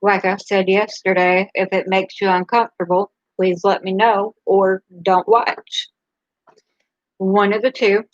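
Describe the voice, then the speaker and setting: A woman's voice: mid-range voice, little pitch movement, measured pace, dry recording, highs cut off. A woman hosting a casual live stream, speaking candidly and rambling a little, with a laugh between her thoughts. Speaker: livestream host.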